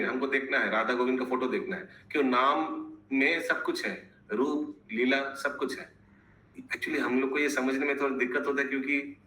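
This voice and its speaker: A man teaching a scripture class online, answering students in a relaxed, conversational way and slipping in English phrases. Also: medium pitch, roomy sound, poor audio. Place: home, online video call.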